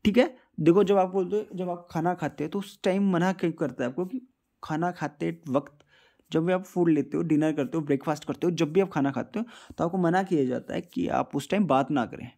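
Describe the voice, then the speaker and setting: Guy teaching kids science, keeps asking then answering his own questions, darkish warm voice. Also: a little high, brisk, vocal fry. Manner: asks questions and answers them himself; addresses children, mixes English terms. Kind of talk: classroom-style video lesson.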